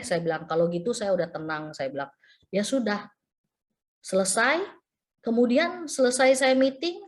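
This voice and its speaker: A woman preaching from the pulpit, telling a personal testimony. She brings the story to life by voicing the people on the other end of her calls, in a voice of ordinary middle height. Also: medium pitch. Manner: storytelling, acting out phone conversations.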